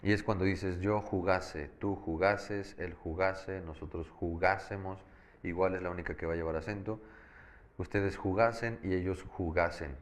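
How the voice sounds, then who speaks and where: A man teaching a Spanish grammar lesson, patiently explaining and slowing down to spell out each verb form. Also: sits low, fairly even intonation. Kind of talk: grammar lecture.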